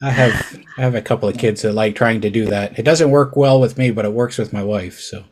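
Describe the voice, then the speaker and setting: A man's voice: on the low side, fairly quick, darkish tone. A man hosting a podcast in casual chat, joking and laughing easily. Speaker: podcast host.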